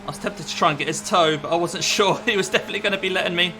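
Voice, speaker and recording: A man's voice: sits high, rapid-fire. A man chattily thinking aloud as he gives casual running commentary while driving in a racing game. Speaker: sim racing driver and commentator. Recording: clear car engine noise behind. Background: racing car engine.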